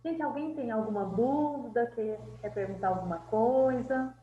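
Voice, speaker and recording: Uma mulher co-apresentadora de um grupo terapêutico, incentivando o público e chamando todos de "gente". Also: female voice, on the high side, normal speed. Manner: addresses the audience often as "gente", encouraging. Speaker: co-host of a therapy group. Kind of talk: live group session chat. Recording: lo-fi, roomy, faint hum.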